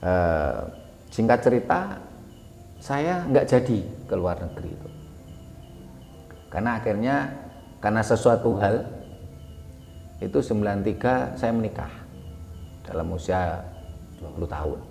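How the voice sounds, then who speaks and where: A man recounting his life in a relaxed, halting way, full of fillers and self-corrections. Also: on the low side, creaky. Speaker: guest telling his life story. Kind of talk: casual spoken memoir. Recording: echoey room with long reverb, faint music.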